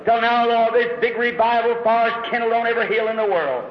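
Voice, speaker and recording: A man preaching a sermon, telling stories dramatically and rising to shouts. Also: very high voice, steady tone, fairly quick. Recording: echoey hall, dull lo-fi recording.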